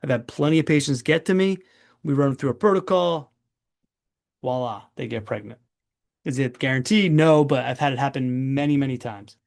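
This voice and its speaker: Brief: forties male doctor hosting webinar, gravelly and chatty. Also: medium pitch, normal speed. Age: 40s. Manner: chatty, long-winded, rambling. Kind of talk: casual webinar Q&A.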